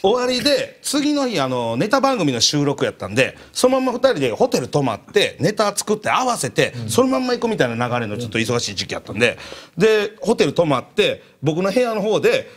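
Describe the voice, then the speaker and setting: A man's voice: on the high side, fast. A young adult man with a Kansai accent, telling a comic anecdote as a comedian on a TV panel and acting out the voices of the people in it. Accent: Kansai Japanese. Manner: animated storyteller, acts out quoted voices.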